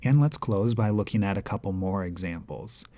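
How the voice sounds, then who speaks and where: A man teaching a grammar lesson in a patient, deliberate way, sometimes slowly chanting verses. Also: on the low side, warm tone, no room sound. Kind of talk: explanatory lecture.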